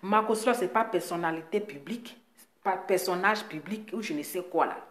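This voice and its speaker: A woman's voice: fairly low pitch, moderate pace. A woman giving a ranting live commentary indoors, scolding and firing off repeated rhetorical questions. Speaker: online commentator. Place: indoors in a residence. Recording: echoey room.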